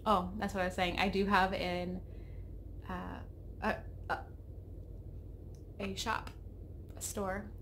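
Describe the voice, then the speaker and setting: This woman in her thirties chats casually on her knitting podcast, recorded by a desk webcam in her home craft room with slight background noise. Her fairly low voice is a bit bright and a little froggy, and she rambles and interrupts herself.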